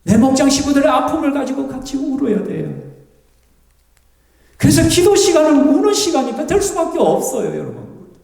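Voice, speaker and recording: A man preaching as a pastor, lively and animated, acting out tearful prayers and grumbling complaints to make his point. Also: extremely high pitch, moderate pace, gravelly. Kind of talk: sermon. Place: church sanctuary. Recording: echoey church hall, voice from far off the mic.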